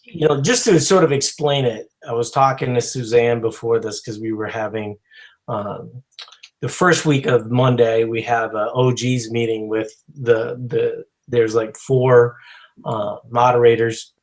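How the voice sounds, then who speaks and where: A man's voice: medium pitch, steady tone, unhurried, poor audio. A man, a company founder, making a casual spoken announcement to his followers, rambling with many fillers and restarts. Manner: rambling, full of "you know" and restarts.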